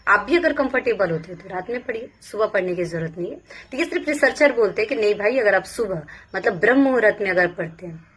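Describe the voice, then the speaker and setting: A woman's voice: mid-range voice, slightly rough. Earnest young woman giving study advice. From Bihar. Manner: earnest, repetitive, speaks in first-person plural. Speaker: police sub-inspector giving study advice. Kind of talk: casual advice talk to exam aspirants.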